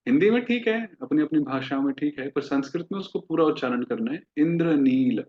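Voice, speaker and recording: A man teaching Sanskrit pronunciation in a classroom lesson, drawing out each word slowly and asking his listeners questions as he explains. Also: a little high, big pitch swings. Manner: slow, drawn-out demonstration of each word. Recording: dull lo-fi recording.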